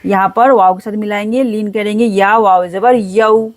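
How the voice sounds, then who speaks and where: A woman teaching Quran recitation step by step, spelling out letters and then reciting each word slowly and drawn out. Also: mid-range voice, fairly even intonation.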